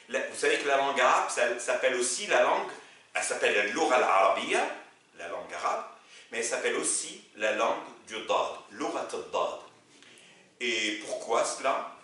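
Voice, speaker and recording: "Regardez," this Arabic teacher says again and again, patiently going over the lesson at the board with slow repetition. His medium-pitched voice sounds pushed and bright, picked up from a distance in an echoey room with faint background noise.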